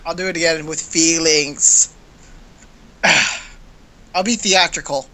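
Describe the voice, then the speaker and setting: A woman's voice: low-pitched, steady tone, slow, sharp tone. A woman recording voice lines in a casual session, giggling, flustered and stumbling over restarts.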